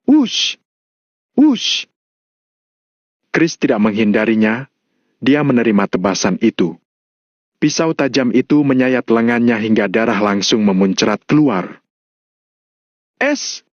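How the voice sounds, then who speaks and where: A man narrating a novel in a steady, even voice. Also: lowish voice, moderate pace, dry recording, lo-fi sound. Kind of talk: novel reading.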